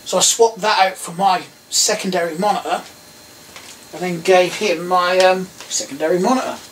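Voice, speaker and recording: In a small indoor workroom, a middle-aged man with an English accent hosts a DIY electronics video, casually teaching by hand while rambling and thinking aloud. He has a high voice, keeps a steady tone and moves at a moderate pace. The mic is distant, with some background noise.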